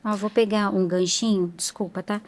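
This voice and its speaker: A woman guest on a podcast, soft-spoken and gentle, telling her own story in conversation. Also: medium pitch, fairly even intonation, moderate pace. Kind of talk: personal testimony in conversation.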